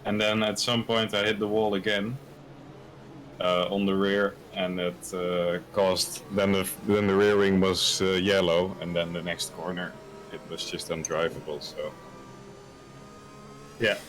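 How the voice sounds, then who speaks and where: Man, lowish voice, casual driver interview, matter-of-fact, understated, faint background noise. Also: level tone, a little slow, a bit bright, rough recording. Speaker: racing driver being interviewed. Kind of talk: casual post-incident interview.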